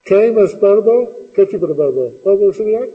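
A man's voice: high-pitched, lively intonation, moderate pace, long reverb tail, narrow, tinny audio. A middle-aged man teaching a classroom lesson, patiently asking questions and repeating the students' answers.

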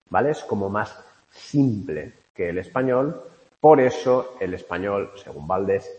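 Man, teacher, chatty lecture, frequent asides and fillers, lowish voice, long hall reverb. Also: warm tone, muffled recording. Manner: chatty, asides and rhetorical questions, many fillers. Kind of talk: spoken lecture on a literary text.

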